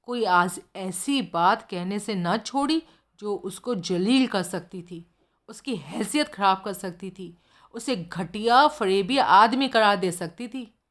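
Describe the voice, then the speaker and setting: A woman's voice: mid-range voice, lively intonation, slow. Brief: blunt, slangy street informant man, mid-range voice, read by a woman. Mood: gossipy. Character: streetwise middle-aged male informant, blunt gossip.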